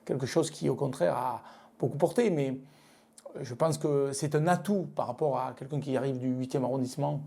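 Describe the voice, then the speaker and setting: A man's voice: mid-range voice, normal speed, vocal fry, warm tone. A middle-aged man from Lozère with a singsong southern French accent, speaking frankly in an interview with many fillers and restarts. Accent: southern French (Midi). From France, Lozère. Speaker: guest, business leader. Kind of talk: casual interview talk.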